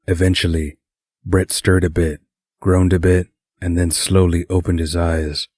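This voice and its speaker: A man with a very low voice reads a story aloud, calm and steady. The sound is dry and close, with no room heard. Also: unhurried, no echo. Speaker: narrator. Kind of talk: reading a fan story aloud.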